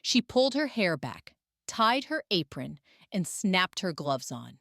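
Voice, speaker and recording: Female story narrator, low-set and lively, dry close recording. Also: a little slow, creaky, no echo.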